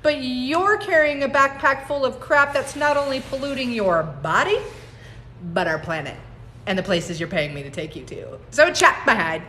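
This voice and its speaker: Chatty woman in her forties, bright voice. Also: high-pitched, lively intonation, moderate pace, a little hiss or hum. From United States. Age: 40s. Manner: chatty, laughs often, greets viewers by name. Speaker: herbalist livestream host. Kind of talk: casual livestream chat. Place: home on a mountain, indoors.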